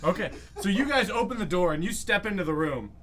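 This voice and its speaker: A man's voice: high voice, lively intonation, quick pace, fairly bright tone, slight background noise. A man running a tabletop game as game master, laughing often between his descriptions. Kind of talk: narrating a tabletop game on a live stream.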